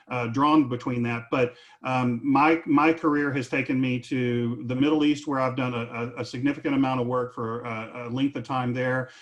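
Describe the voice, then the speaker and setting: A man in his fifties talking on a career webinar panel, rambling with many fillers and restarts. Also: medium pitch.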